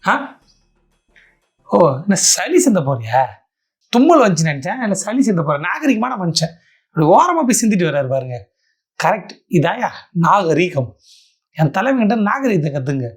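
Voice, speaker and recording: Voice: mid-range voice, sing-song, normal speed, long pauses, husky. A satirical commentator, giving mocking reaction commentary in a sarcastic, theatrical way.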